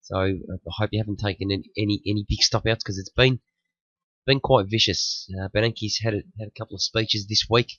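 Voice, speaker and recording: Recovering from flu and slightly sniffly, a man hosts a day trading room, giving cautionary market analysis that's repetitive and full of restarted phrases. He speaks fairly quickly in a low-leaning, fairly bright voice with fairly even intonation. The recording is muffled, with no room sound.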